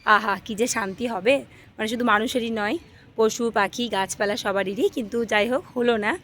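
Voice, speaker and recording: A woman's voice: fairly high pitch, steady tone, normal speed, a bit bright, a little hiss or hum. Chatty mother vlogging at home. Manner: talks to viewers as friends, coaxing her small children. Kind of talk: casual family vlog chat. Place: at home, bedroom then rooftop.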